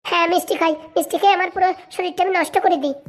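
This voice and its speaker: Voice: very high voice, fairly even intonation, rapid-fire. A performer voicing an arrogant grown son who scolds and complains to his parents in a cartoon. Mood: scornful. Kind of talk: cartoon voice acting.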